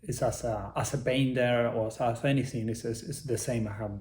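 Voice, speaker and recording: A middle-aged artist from Argentina, speaking English as a second language with an Argentine Spanish accent, is interviewed casually. His mid-range voice is a little mellow with fairly even intonation, and he speaks haltingly, hunting for English words and restarting often. The sound is roomy.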